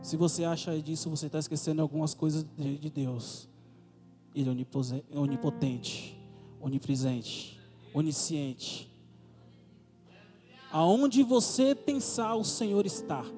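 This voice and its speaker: A man's voice: on the high side, unhurried, dark tone. A man with a Brazilian accent preaching a testimony sermon, full of fervent repeated rhetorical questions. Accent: Brazilian Portuguese. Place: church. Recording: reverberant church hall with music.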